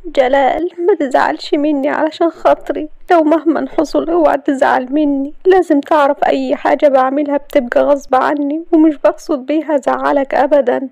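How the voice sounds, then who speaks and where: A woman's voice: sits high, steady tone, brisk, darkish tone, no room sound, voice pushed up. A woman voicing a frightened young woman with an Egyptian accent, who pleads in a trembling, breathless way. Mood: pleading.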